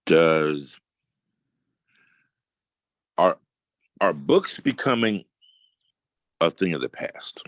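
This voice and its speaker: A man's voice: low-pitched, sing-song, very slow, pauses often, no echo. A man speaking on a discussion panel, musing and thinking aloud with restarts.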